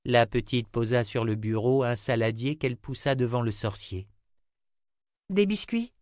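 A male audiobook narrator reading a fantasy tale in a calm, even manner. His voice is medium in pitch. The recording is dry and close. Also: normal speed, no echo.

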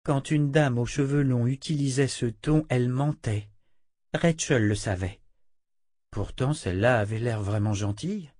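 A man reading a novel aloud as narrator, in a steady measured way. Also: medium pitch, no room sound, studio quality. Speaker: audiobook narrator. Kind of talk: scripted narration.

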